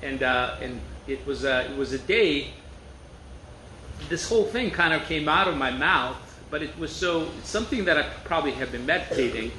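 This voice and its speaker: A man's voice: a little high, animated, moderate pace, pushed and bright. A man from Turkey preaching in a conversational, storytelling way, asking rhetorical questions. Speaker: pastor. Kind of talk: sermon. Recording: echoey room with faint noise.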